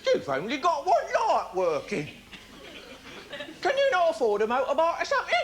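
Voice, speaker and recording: A man's voice: huge pitch swings, moderate pace, full character voice. A man voicing a bullying, sarcastic nineteen-year-old traffic policeman, mocking and hectoring. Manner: mocking, hectoring, big swoops in pitch. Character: bullying sarcastic teenage male traffic cop. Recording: live stand-up with loud audience.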